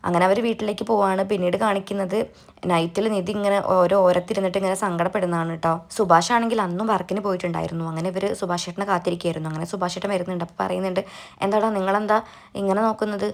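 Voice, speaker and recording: A woman recaps a TV serial for her channel at a brisk clip, retelling scene after scene as if to a friend. Her voice carries a gravelly fry. She keeps adding small conversational asides. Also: lowish voice, fairly even intonation. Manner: chatty, retells scenes with a running "kētto" aside. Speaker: YouTube serial reviewer. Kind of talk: casual episode recap.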